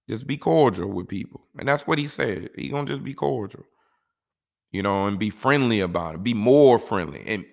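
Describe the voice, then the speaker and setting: A man's voice: fairly low pitch, vocal fry. A man talking casually and giving life advice in a laid-back, rambling way, often saying "you know".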